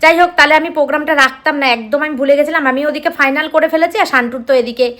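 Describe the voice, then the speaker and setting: This middle-aged vlogger from West Bengal speaks with a Kolkata Bengali accent, her voice high-pitched, racing, and fairly bright. She chats casually with viewers from her kitchen in a home vlog and repeats herself often.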